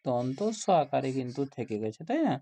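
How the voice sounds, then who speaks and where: Gravelly-voiced male grammar teacher. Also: medium pitch, sing-song, a little fast, dark tone. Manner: explains step by step, asks rhetorical questions. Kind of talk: Bengali grammar lesson.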